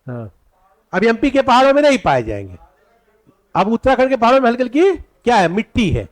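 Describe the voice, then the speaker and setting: Lively high-voiced man dictating lesson notes. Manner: asks the class questions and answers them himself, repeats points slowly for notes. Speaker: teacher. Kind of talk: exam-prep lecture with dictation.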